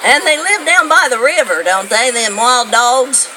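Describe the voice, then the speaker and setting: An older woman tells homespun stories to a young audience, rambling a bit and putting questions to her listeners. Her voice is slightly high and expressive, her pace measured, with crowd noise and other background sound audible.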